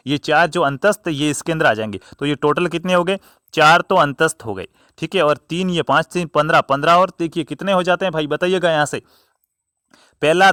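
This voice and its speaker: Recorded dry with clean studio sound, this man's fairly high, bright voice carries a grammar lesson in which he answers his own questions. He repeats key terms and stretches them out to stress them.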